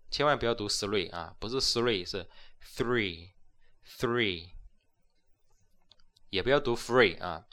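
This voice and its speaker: A man's voice: fairly low pitch, bright, forceful tone, clean tone. A man giving a recorded English lesson, explaining patiently and spelling words out letter by letter. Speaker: English teacher.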